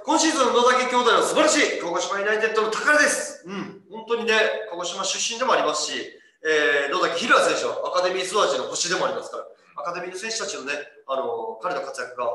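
A man's voice: high voice, pushed and bright. A man in his thirties hosting a casual livestream, reading viewer comments aloud, laughing often and joking about himself. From Kagoshima, Japan. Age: 30s. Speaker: club ambassador host. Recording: echoey room.

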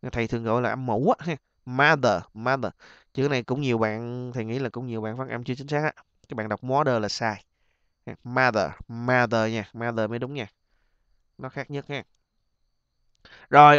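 A middle-aged man leads an exam review lesson at an even pitch. He stretches each example word out slowly, then hurries through his explanation. The recording is dry and a little dull. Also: clear, resonant tone, dry recording. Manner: repeats and drawls example words slowly, then explains in quick asides. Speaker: English teacher.

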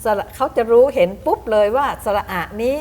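A middle-aged woman teacher giving a lecture to other teachers. She explains reading methods, spells words out slowly with demonstrations and often puts questions to her audience. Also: high-pitched, big pitch swings, a little mellow.

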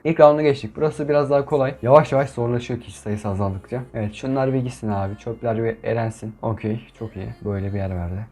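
A young man commenting on his gameplay in a casual, chatty way, who gets frustrated and shouts at opponents. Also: medium pitch. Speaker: gaming YouTuber.

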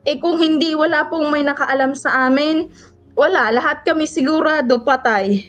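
A woman's voice: high-pitched, moderate pace, highs cut off. A woman from the Philippines, a caregiver, telling an interviewer how she survived an attack, in a polite, earnest and shaken way, going through events step by step. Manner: polite, adds respectful particles and retells events step by step; earnest and shaken while recounting. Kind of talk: emotional first-person testimony in an interview.

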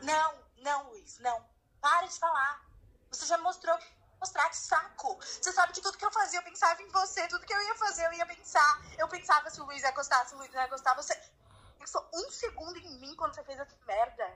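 A woman's voice: very high-pitched, fast talker, sharp tone, low-quality recording. A young woman on the phone, annoyed and exasperated. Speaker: girlfriend on the phone.

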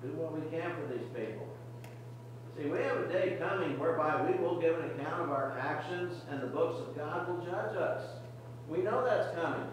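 A man's voice: fairly high pitch, normal speed, noisy background. An older man preaching a sermon from a church pulpit, earnest and exhorting, often restarting his words. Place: church sanctuary, medium size, indoors. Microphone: podium mic, camera far at back of room. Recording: very echoey distant church recording.

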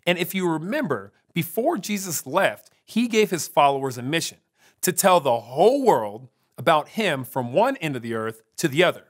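A man hosting a children's church program, telling a Bible story in an upbeat, animated way. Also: on the high side, moderate pace. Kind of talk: storytelling for kids.

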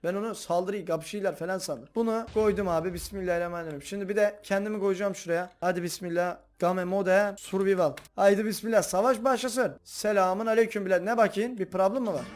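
A man hosting a game video, chatting casually and excitably to his viewers as he plays. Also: high voice, fast talker, hardly any pauses. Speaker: gaming video host. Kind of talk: casual gameplay commentary.

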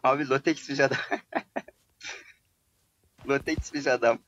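Turkish-accented male random teammate, broken English, mid-pitched. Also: steady tone, unhurried, a bit bright, dull audio. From Turkey.

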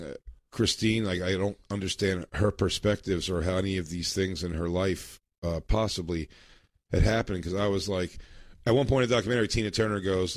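A low-voiced man co-hosts a podcast, chatting casually, telling rambling stories, and laughing mid-sentence. The sound is clean studio audio with no room sound.

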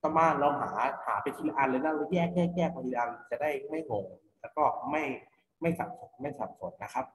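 A man's voice: fairly high pitch, fairly quick, a little hiss or hum. A male teacher with a Thai accent giving an online phonics lesson to children, patiently spelling words letter by letter and answering his own questions. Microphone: computer mic for online class. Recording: echoey, reverberant room.

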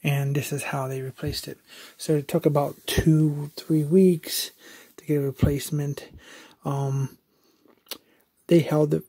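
A man's voice: on the high side, little pitch movement, measured pace, mellow, slightly rough. A man casually narrating an unboxing of a collectible figure, explaining each step with fillers as he goes. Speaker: toy collector reviewer.

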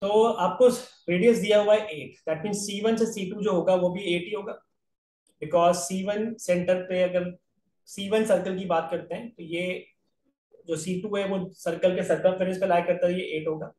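High-voiced male math tutor, echoey room. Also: steady tone, normal speed, darkish tone, far from the mic. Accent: Indian. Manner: explains step by step, checks in with "right?". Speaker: aptitude exam math teacher. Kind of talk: online math lecture.

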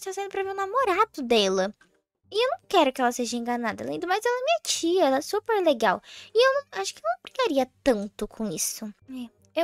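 A woman's voice: high-pitched, no echo. A woman voicing an honest, worried teenage girl in a game roleplay, rambling with lots of fillers. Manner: chatty, rambling with many fillers. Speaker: roleplay player.

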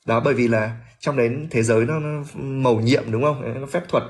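A man runs a livestream English lesson, reading lines aloud and breaking them down. His voice sits at a middle pitch. He talks in a loose, chatty way, repeating words as he searches for them and tossing jokes to the viewers. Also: steady tone, a little fast. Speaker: English teacher.

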